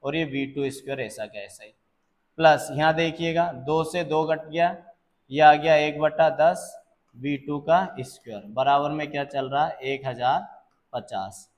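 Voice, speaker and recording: Guy walking thru physics problems real slow, kinda high voice, keeps asking if u got it. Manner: calls students "beta", checks understanding; slow, deliberate explaining. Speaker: physics tutor. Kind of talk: exam problem walkthrough.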